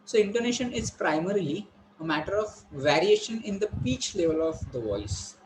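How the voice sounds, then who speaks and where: A man teaches an online college lesson. His voice sits fairly high, and he explains patiently with repeated phrases and "uh" fillers. Faint background noise runs under the call. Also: lively intonation, poor audio. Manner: explaining slowly with many fillers and repetitions. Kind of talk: online class lecture. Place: online class.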